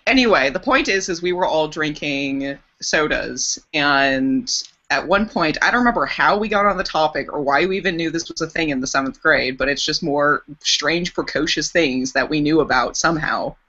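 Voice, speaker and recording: A woman's voice: low-pitched, moderate pace, few pauses, bright, forceful tone, dull audio. A young woman co-hosting a podcast in casual chat, wry and teasing, swearing casually as she tells a story. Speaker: podcast co-host.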